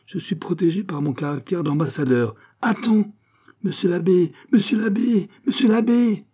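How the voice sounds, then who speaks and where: A man's voice: medium pitch, expressive, normal speed, mellow, breathy edge, pitched above the performer's own voice. A man voicing a naive, sly young village man who pleads in a mock-polite, wheedling way. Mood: pleading.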